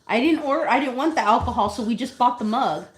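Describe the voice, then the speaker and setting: A woman's voice: on the high side, quick pace. A woman co-hosting a casual live-stream vlog, chatting and laughing often. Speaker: vlog co-host.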